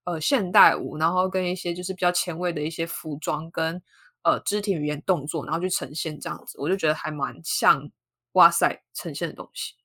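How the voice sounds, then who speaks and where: A woman's voice: sits low, fairly quick. A woman with a Taiwanese Mandarin accent chatting casually and slangily, mixing in English words. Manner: slangy, animated reactions.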